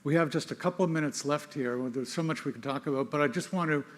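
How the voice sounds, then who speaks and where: Halting older man interviewing an author. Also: a little high. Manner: halting, many fillers and restarts. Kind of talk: interview host conversation.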